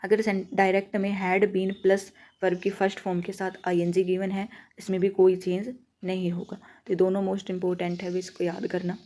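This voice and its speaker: A woman with a Haryanvi Hindi accent teaching an exam-prep grammar lesson. She explains each rule step by step, asks questions and answers them herself, and reads example sentences slowly. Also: medium pitch, monotone, mellow.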